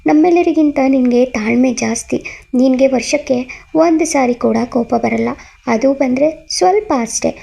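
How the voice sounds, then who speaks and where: A woman voicing an easygoing young man who jokes to calm his friend, in a story reading. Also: high-pitched, unhurried, creaky, full character voice. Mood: breezy teasing. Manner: teasing, light.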